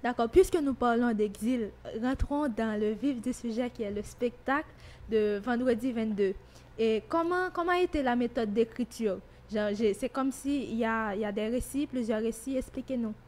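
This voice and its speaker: Woman host, slightly high voice, steers the interview with direct questions. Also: moderate pace, a little mellow. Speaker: radio host.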